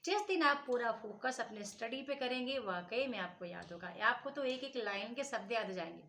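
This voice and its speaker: A woman's voice: fairly high pitch, expressive, moderate pace, pushed and bright, a little hiss or hum. A woman teacher giving study advice in a casual spoken lesson, chatty and repetitive, often checking in with her listeners. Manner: conversational, repeats points, frequent "ठीक है" check-ins.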